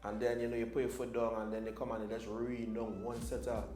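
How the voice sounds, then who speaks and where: A man co-hosting a casual podcast, relaxed, explaining points with little acted quotes. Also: medium pitch, fast, reverberant, faint music behind. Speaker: podcast co-host.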